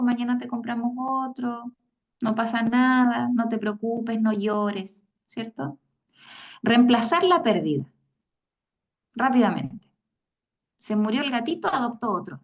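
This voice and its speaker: A woman with a Chilean accent gives a conversational psychology lecture, often checking in with "¿sí?" and acting out quoted parents. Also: fairly high pitch. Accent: Chilean Spanish. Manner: acts out quoted parents in a brighter voice. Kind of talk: online lecture.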